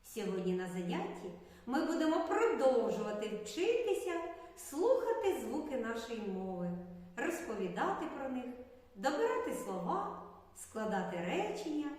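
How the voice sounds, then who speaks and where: Woman teacher in a very echoey hall. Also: fairly high pitch. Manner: question-and-answer explaining to children. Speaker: preschool teacher. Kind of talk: lesson introduction. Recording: very echoey hall with long reverb.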